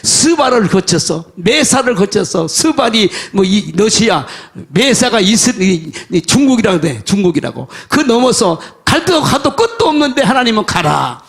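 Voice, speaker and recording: An older man preaching a sermon, his voice sitting unusually high for a man. He tells homely stories from the pulpit, sinking to quiet asides and then breaking into loud shouts. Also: big pitch swings, normal speed, hardly any pauses. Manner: folksy storytelling preacher, swings from soft mutters to shouts. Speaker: pastor.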